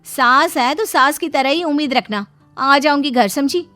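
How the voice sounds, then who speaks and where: A woman's voice: high voice, a little slow, pushed and bright, soft background music. A woman voicing a proud, mouthy young daughter-in-law in a cartoon story, talking back sassily. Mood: rueful. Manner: sassy, talks back.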